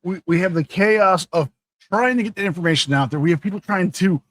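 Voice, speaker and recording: A man co-hosting a podcast in casual chat, excitable, swearing and stumbling over names. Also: high-pitched, fairly quick, no echo. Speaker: podcast co-host.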